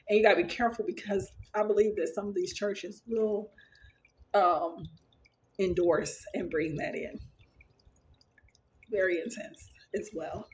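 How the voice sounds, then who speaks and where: A woman's voice: medium pitch, a little hiss or hum. A woman vlogger casually telling a story to the camera, rambling, earnest, and full of fillers and restarts. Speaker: vlogger sharing her dreams.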